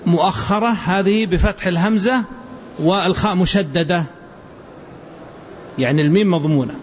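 A man teaching a hadith lesson to students, explaining word forms slowly and repeating them so the class can follow. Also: sits high. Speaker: religious teacher. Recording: dull lo-fi with faint hiss.

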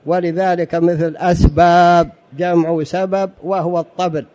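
Guy teaching a religious lesson, kinda high voice, pretty flat, keeps repeating himself and asking the room questions. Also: unhurried. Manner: repeats key phrases and asks rhetorical questions; explanatory, addresses the audience as brothers.

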